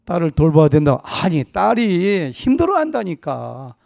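A middle-aged man, a pastor preaching a sermon, telling a humorous personal story and acting out the dialogue with lively shifts of voice. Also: on the high side, moderate pace, gravelly, no echo, clean studio sound. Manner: anecdotal and humorous, acting out dialogue in a wide-ranging voice.

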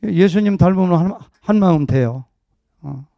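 Gravelly, conversational Korean pastor preaching. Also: male voice, high-pitched, animated, normal speed, no room sound, highs cut off. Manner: jokey, conversational preaching with laughs. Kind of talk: sermon.

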